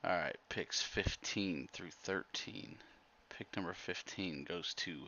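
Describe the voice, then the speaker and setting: A man's voice: sits low, slow, sharp tone, muffled recording. A man hosting a casual livestream, laid-back and dry as he announces picks. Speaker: host.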